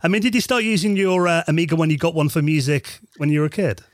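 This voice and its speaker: A man's voice: fairly high pitch, fast, no echo, clean studio sound. A man interviewing a guest in a casual chat, reacting with enthusiasm.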